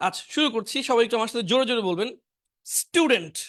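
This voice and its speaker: A woman teaching an online spoken English class, drilling vocabulary slowly and asking students to repeat aloud. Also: on the high side, animated.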